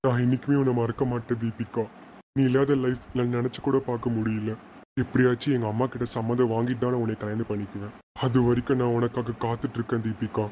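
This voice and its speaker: A man's voice: mid-range voice, little pitch movement, fast, mellow, slight background noise, natural voice, rough recording. A man playing a lovesick grown son who pleads earnestly with his mother, in a homemade serial drama. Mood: longing.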